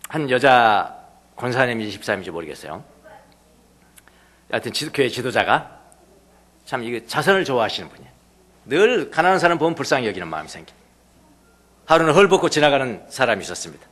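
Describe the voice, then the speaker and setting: A male pastor preaching a sermon, telling stories with lively swings between animated emphasis and quiet asides, laughing now and then. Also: medium pitch, quick pace, pauses often. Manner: laughs often while preaching.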